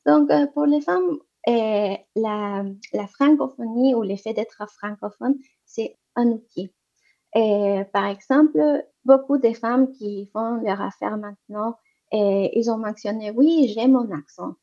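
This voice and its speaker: On muffled lo-fi audio, a woman with a higher-pitched voice speaks slowly. She is an economic development representative being interviewed about women's entrepreneurship, answering hesitantly with frequent fillers and restarts.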